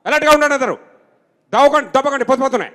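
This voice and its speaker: A man's voice: very high voice, rapid-fire, a bit bright, big-room sound, slight background noise. A man putting on an impatient male film director who barks orders and scolds the crew on set. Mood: bossy shouting.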